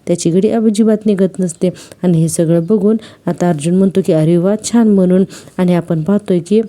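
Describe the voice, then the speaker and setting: Dark-voiced woman recapping a TV serial. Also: fairly low pitch, fairly even intonation, moderate pace. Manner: chatty, addresses viewers directly. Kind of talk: casual episode recap narration.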